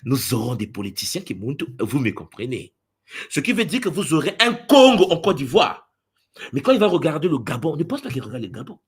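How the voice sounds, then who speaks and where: A man addressing spiritual followers, jumping between booming exclamations and low asides, often acting out other people's voices. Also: big pitch swings, brisk, husky. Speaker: spiritual teacher.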